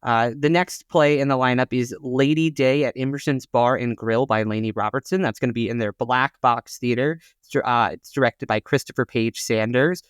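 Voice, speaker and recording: A man's voice: medium pitch, fairly even intonation, normal speed, hardly any pauses, clear, resonant tone, no room sound, studio quality. A man co-hosting a theater podcast, chatting casually and reading out show listings with frequent "uh" fillers. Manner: informative, reads out listings with many "uh" fillers. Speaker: podcast co-host.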